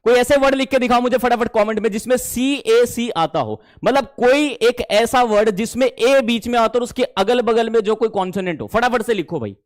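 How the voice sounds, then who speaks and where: A man's voice: very high-pitched, normal speed, hardly any pauses. A man teaching spoken English in a live online class, coaxing his students and praising their answers, with an Indian accent in his English. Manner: animated, coaxing, calls students "dear children".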